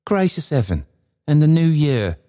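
A man's voice: sits high, huge pitch swings, normal speed, gravelly, mellow, slightly rough, voice pushed up, heavily acted. Man playing a frail, pleading old man. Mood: anguished. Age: older. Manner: trembling, pleading outbursts.

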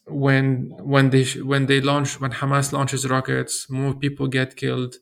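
Middle-aged man from Lebanon as an interview guest; gravelly, flat delivery, earnest and measured. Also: mid-range voice. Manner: earnest, measured, with frequent restarts. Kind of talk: thoughtful interview answer.

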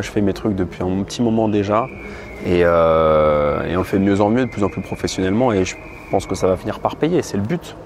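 A man in his thirties with a fairly low voice speaks candidly and bluntly, vlogging into a handheld camera outdoors. Clear traffic and street noise run under every word. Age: 30s. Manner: candid, blunt, filler-heavy. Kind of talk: casual vlog monologue. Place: outdoors on a busy city street. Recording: noisy outdoor street recording. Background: traffic and street ambience.

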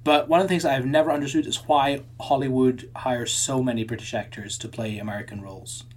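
Chatty male podcast host, halting restarts. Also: mid-range voice, fairly even intonation, darkish tone. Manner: thinks aloud with many restarts and repeated words. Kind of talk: casual chat.

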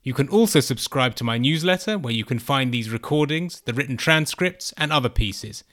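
A man hosting his own podcast, reading a scripted narration in a measured, read-aloud way. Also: medium pitch, lively intonation, a bit bright. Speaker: podcast host.

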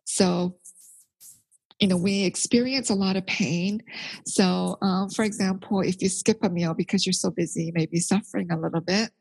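Middle-aged woman author born in korea grew up in canada, low husky voice, dry sound, earnest and thoughtful. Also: a little mellow, no echo, rough recording. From born in Korea, raised in Canada. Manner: thoughtful, earnest, many fillers. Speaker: author, theologian guest. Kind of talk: interview conversation.

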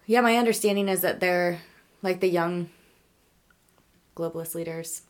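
A woman's voice: on the low side, normal speed. A woman co-hosting a casual podcast with her husband, chatty and adding her own points. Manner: chatty, adds points with frequent "like" and "um". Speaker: podcast co-host, host's wife.

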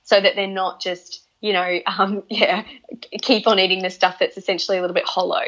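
An Australian woman in her thirties speaks conversationally in an interview. Her voice sits at a middle pitch, and she often doubles back, repeating words as she finds her phrasing. The recording is a little dull and lo-fi. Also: flat delivery, fairly quick, a bit bright. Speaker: interview guest, parent. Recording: slightly dull, lo-fi audio.

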